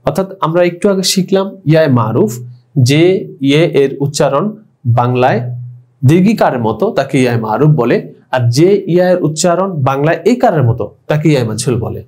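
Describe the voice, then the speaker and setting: A man teaching an online language lesson, patiently spelling out letters and repeating each example slowly. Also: on the high side, lively intonation, a little mellow. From Bangladesh.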